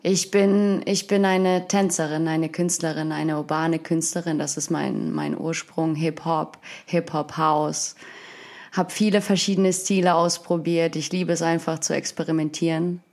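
A woman's voice: sits low, steady tone, a little slow, a little mellow. A woman in her twenties from Ukraine, a dancer chatting casually as a guest and laughing often. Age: 20s. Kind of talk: casual conversation.

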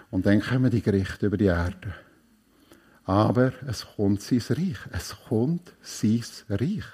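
A man preaching a sermon, emphatic and repeating key phrases, swinging between hushed and loud passages. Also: fairly low pitch, breathy edge.

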